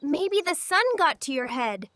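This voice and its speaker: A woman voicing an excitable, squeaky little cartoon talking-vegetable character in short, simple exclamations for an animated comedy. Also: unhurried, no room sound, heavily acted. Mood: indignant. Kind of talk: animated children's comedy voice acting.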